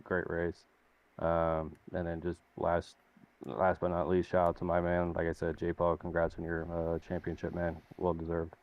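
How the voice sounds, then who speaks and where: A man's voice: low voice, completely flat delivery, moderate pace, narrow, tinny audio. A man, the race winner, talking casually with many restarts in a post-race interview.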